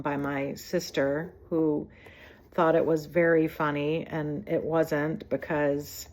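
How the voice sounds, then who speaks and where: A woman's voice: lowish voice, darkish tone. A woman in her fifties from New Jersey, telling her own life story in a meandering, digressive way. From New Jersey, USA. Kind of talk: personal reminiscence.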